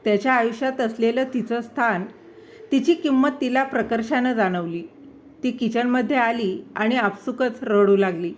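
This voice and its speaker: Woman storyteller, somewhat high voice, gentle and expressive narration. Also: moderate pace, slight background noise.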